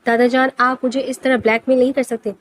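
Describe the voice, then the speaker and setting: A young man pushing back against his family, frustrated and stubborn, read by a woman narrator. The voice stays high and close to her own. The feel is a narrated audio novel. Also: level tone, no echo, close to an everyday voice. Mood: frustrated defiant. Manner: frustrated, protesting. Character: young man, heir, fed up and defiant.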